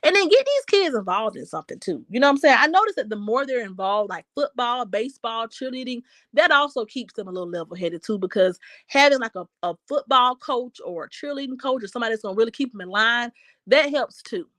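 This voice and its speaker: A woman's voice: a little high, expressive, quick pace, fairly bright tone, no echo. A woman host giving frank casual commentary on parenting and reading viewer comments aloud.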